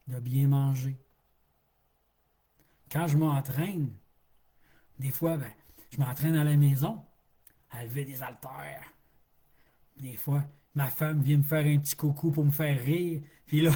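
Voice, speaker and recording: Québécois preacher man, warm husky voice. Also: a little high. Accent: Québécois French. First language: French. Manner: folksy, laughs easily, repeats words for emphasis. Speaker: street pastor. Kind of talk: informal sermon on a live stream.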